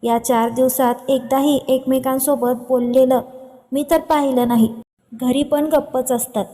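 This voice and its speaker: A woman's voice: high voice, steady tone, unhurried, mellow, in a large hall. A woman voicing a watchful, strict older aunt with a stern, warning tone.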